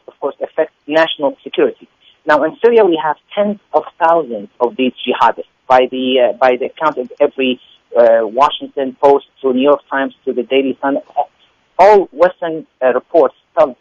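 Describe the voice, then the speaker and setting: A man's voice: on the high side, no echo, dull audio. A man speaking as an activist guest by phone, arguing his point insistently with many fillers and restarts. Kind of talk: phone interview, argumentative commentary. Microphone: phone line.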